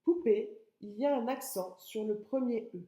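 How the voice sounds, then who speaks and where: A woman's voice: fairly high pitch, normal speed, warm tone, echoey room. A woman teacher with a French accent giving a patient, step-by-step writing lesson to young children, spelling out sounds and syllables. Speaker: kindergarten teacher.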